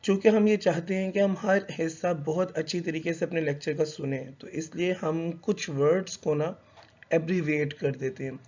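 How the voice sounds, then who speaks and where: Man, lecture-style teacher, pitch a touch high, dull lo-fi recording, stops to correct himself. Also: steady tone, a little mellow. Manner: reads English slowly, then explains in conversational Hindi mixed with English; hesitant, with fillers and self-corrections. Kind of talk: explanatory lecture.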